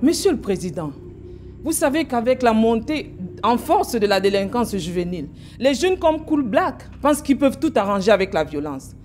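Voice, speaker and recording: A woman's voice: fairly high pitch, very animated, moderate pace, a little mellow, faint music behind. A woman acting as a lawyer in a comedy courtroom sketch, pleading firmly before the judge. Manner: firm, declamatory. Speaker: actor playing a lawyer.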